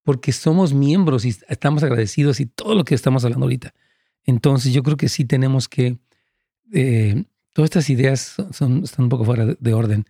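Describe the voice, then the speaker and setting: A man who is a pastor talks through viewers' questions in a live show, earnest and emphatic, often breaking into easy laughter. His voice sits at an ordinary middle pitch. The sound is close and dry, with almost no room around it. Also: brisk, creaky, warm tone, husky, no room sound. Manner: earnest, laughs easily, stresses points emphatically. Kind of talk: live question-and-answer talk.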